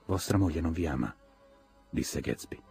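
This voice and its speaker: A man's voice: extremely low pitch, lively intonation, normal speed, gravelly, dark tone, soft background music. A man reading a novel aloud as an audiobook, acting out the characters' lines with a raised voice. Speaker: audiobook narrator.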